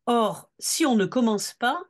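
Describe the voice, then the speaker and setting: A woman giving an unscripted political talk at a seminar, earnest and deliberate, leaning on key words. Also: on the high side, animated. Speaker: seminar speaker.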